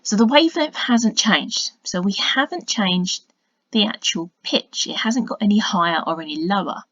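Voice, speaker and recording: A woman teaching through a recorded video lesson, patient and explanatory, dropping into quiet muttered asides as she draws on diagrams. Her voice sits at an ordinary pitch for a woman. The recording is dry, dull and a little lo-fi. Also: lively intonation, normal speed, no echo. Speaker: science teacher.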